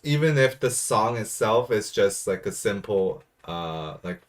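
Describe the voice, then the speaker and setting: A man's voice: lowish voice, expressive, unhurried. A man co-hosting a casual entertainment news chat, often chiming in with short agreements and playful remarks. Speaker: co-host.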